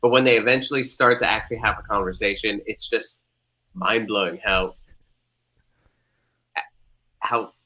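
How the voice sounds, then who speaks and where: Guy with a really bright edgy voice, cohosting a podcast, pretty emphatic. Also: fairly low pitch, fairly even intonation, moderate pace, pauses often. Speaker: podcast co-host. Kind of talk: casual chat.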